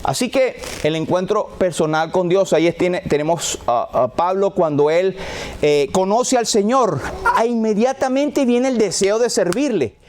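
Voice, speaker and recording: High-voiced preaching male pastor. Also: expressive, measured pace, darkish tone, a little hiss or hum. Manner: preaching, acting out quoted prayers with rising and falling pitch. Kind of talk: sermon.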